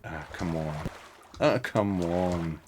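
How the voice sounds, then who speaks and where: With a deep voice and slow delivery, a man with a German accent talks to his chat while playing a survival game on stream. He's easygoing, reacting to the action and voicing his thoughts as he goes, with slight noise in the background.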